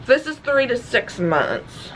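A young woman vlogs from home in a bright, forceful voice. She is a little short of breath and rambles casually with plenty of fillers. A faint ambient hum sits under the recording. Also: fairly high pitch, sing-song, takes it slowly. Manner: chatty and rambling, with frequent fillers and laughs. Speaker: vlogger. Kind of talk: casual chat.

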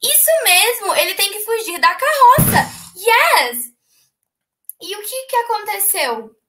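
A woman's voice: extremely high pitch, sing-song, unhurried, sharp tone, a little hiss or hum. A woman teacher telling a children's story in a bilingual lesson, switching between two languages and gasping dramatically. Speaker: English teacher.

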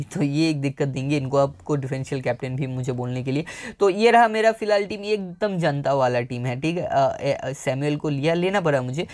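A man's voice: mid-range voice, a little mellow. A man chatting casually to viewers, giving fantasy cricket team advice with frequent fillers, recorded on a home mic. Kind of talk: casual analysis talk to viewers.

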